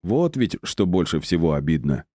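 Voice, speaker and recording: A man voicing a cheeky young office clerk who flatters and bargains. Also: deep voice, no echo, clean studio sound. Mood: wheedling. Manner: flattering, wheedling, quick to bargain.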